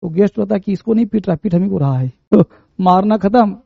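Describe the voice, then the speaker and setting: Animated high-voiced male teacher. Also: brisk, creaky, husky, no echo. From India. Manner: animated, acts out everyday scenes to explain. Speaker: English grammar teacher. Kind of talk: classroom lecture. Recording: muffled, slightly lo-fi sound.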